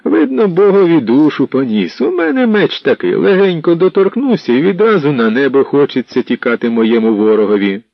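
A man reading aloud and voicing a tall, jolly young swordsman in an audiobook, loud and bragging, on a dull, dry lo-fi recording. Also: a little high, big pitch swings, a little fast, creaky, few pauses, dry recording, pitched above the performer's own voice, exaggerated voice. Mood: boastful. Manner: boisterous, bragging. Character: tall burly young male fighter, boastful and jolly.

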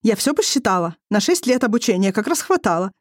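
A reader voicing a young woman who talks through tears, with a trembling but loud, defiant voice. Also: mid-range voice, very animated, fast talker, dry recording, studio quality, pitched above the performer's own voice, close to an everyday voice. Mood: earnest. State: crying. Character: young tearful stubborn woman, student wife.

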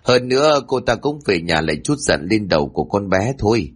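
A man voicing a kind older neighbor woman who speaks gently and pleads for a child. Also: on the low side, very animated, brisk, husky. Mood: pleading. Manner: soothing, pleading.

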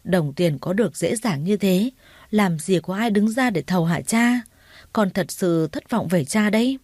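A woman narrating a story in the first person with a steady, earnest reading. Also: mid-range voice, measured pace, no room sound, studio quality.

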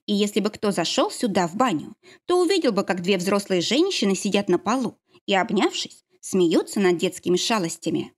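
Woman, audiobook narration, expressive, lively pitch, scripted. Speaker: audiobook reader.

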